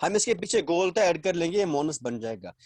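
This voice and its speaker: A man teaching a language class over a video call, explaining slowly, repeating words and quizzing his students. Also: a little high, sing-song, a little mellow, no room sound, studio quality. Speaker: Arabic teacher. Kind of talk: online class lecture.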